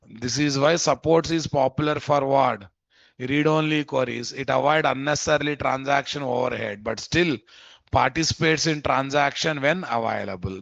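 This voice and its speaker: A man's voice: medium pitch, gravelly, fairly bright tone, dry recording. A man with an Indian Telugu accent giving an informal live programming lesson, asking questions he answers himself and repeating phrases for emphasis. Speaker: programming instructor. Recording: dull, muffled lo-fi close recording.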